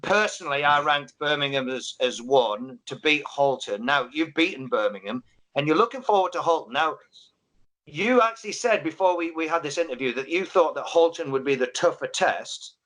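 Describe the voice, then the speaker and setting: A man's voice: a little high, animated, moderate pace, a bit bright. A man interviewing coaches on a sports live stream, chatty and prone to restarting his questions. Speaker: interviewer at a football final.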